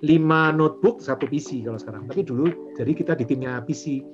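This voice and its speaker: A man's voice: medium pitch, fast talker. A man in his forties, a guest on an interview show, telling his story casually with lots of fillers and acted-out back-and-forth. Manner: animated, acts out remembered dialogue, frequent fillers. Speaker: guest, property and franchise investor. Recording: dull lo-fi audio with music underneath.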